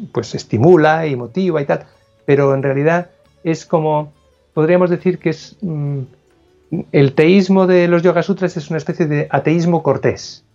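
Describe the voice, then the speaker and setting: A man speaking as a guest scholar in an interview, in a slightly high voice, thinking aloud and often restarting his sentences. The sound is dull and lo-fi, with faint music underneath. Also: a little mellow. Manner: thoughtful, with many restarts and self-corrections. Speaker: guest, philosophy scholar and Sanskrit translator. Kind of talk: explanatory interview talk.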